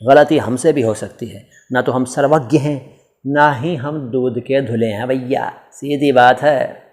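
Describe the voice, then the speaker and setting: A man's voice: medium pitch, measured pace. A man from India hosting a casual question-and-answer lesson on word meanings. He talks in a chatty, teacherly way, quizzing himself and answering with playful asides. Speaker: language channel host answering viewer questions. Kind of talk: casual Q&A explainer.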